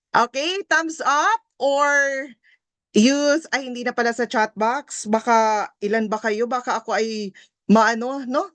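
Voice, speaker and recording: Filipino-accented woman, review coach, slow and reassuring, slightly high voice. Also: a bit bright, no room sound. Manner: encouraging, mixes Filipino and English, frequent tag questions. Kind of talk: online review class.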